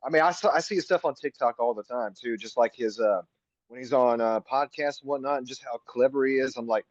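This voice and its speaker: A man co-hosting a podcast, animated and joking in casual chat, on a dull lo-fi mic. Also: medium pitch, brisk, no echo. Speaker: podcast co-host.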